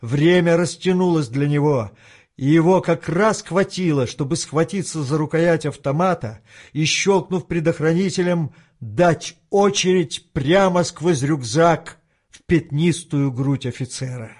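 Man, audiobook narrator, somewhat high voice, steady dramatic reading. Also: measured pace. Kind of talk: scripted narration.

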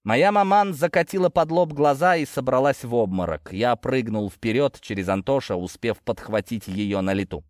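A man narrating a fantasy story in a lively, expressive reading. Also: mid-range voice, moderate pace, few pauses, dry recording, studio quality. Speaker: audiobook narrator.

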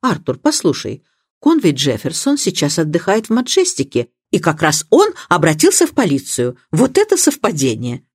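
A woman voicing an excitable country lady. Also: low voice, moderate pace, husky, dry recording, clean studio sound, full character voice. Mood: excited. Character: fussy excitable middle-aged country lady hostess.

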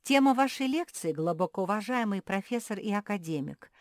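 A woman's voice: medium pitch, animated, brisk, no room sound, clean studio sound, voice pushed up, close to an everyday voice. A woman voicing a prim schoolgirl who speaks in a sing-song way.

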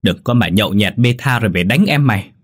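Một người đàn ông giọng khàn, giọng miền Nam, lồng tiếng một bà mẹ già khổ cực đang giận dữ quát mắng. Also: male voice, lively intonation, fairly quick, breathy edge, no echo. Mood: scolding. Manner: scolding, shrill outbursts. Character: angry worn-out old mother, shrill and wailing.

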